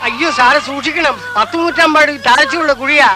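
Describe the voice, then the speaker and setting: An anxious household helper. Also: male voice, extremely high pitch, a little fast. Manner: anxious, deferential, addresses others as sir. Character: worried male household helper, fretful and respectful. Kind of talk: 1990s film drama. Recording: film soundtrack with loud background noise.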